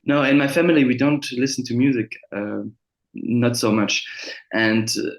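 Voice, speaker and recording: A man's voice: medium pitch, normal speed. A man who grew up in France and Germany, a musician guest speaking English as a second language, with many fillers and restarts. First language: French or German. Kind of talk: casual interview. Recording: roomy echo.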